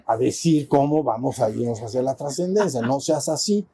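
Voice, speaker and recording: A man's voice: mid-range voice, lively intonation, normal speed, warm tone, a little hiss or hum, close to an everyday voice. A man voicing an insistent female goddess, a mother eager to create who pleads stubbornly. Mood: pleading.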